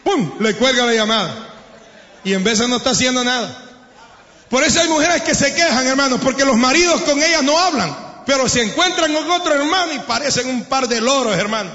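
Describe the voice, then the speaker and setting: A man preaching a sermon, emphatic and sometimes shouting, with humorous asides to the congregation. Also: very high-pitched, lively intonation, brisk. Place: church hall. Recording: echoey hall, somewhat muffled.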